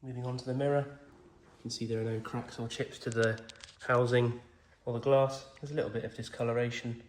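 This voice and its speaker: A man with a cold, a car salesman, tours a pick-up outdoors for a walk-around video, calmly and methodically describing what shape it's in. His medium-pitched voice is flat and a little fast. There is echo and faint background noise.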